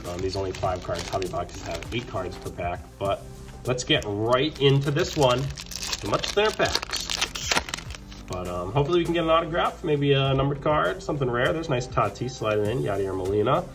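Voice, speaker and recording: A man's voice: mid-range voice, lively intonation, normal speed. A man chatting casually as he opens trading card packs, calling out each card and getting upbeat at the good ones. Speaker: card collector opening packs. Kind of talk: casual pack-opening commentary. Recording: background music under the voice.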